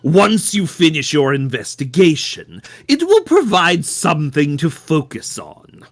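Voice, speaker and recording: A man voicing a devout video game villain, speaking slowly with theatrical menace and formal solemnity. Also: fairly high pitch, big pitch swings. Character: slow, menacing, devout male villain obsessed with gods. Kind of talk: dramatic video game character read-aloud.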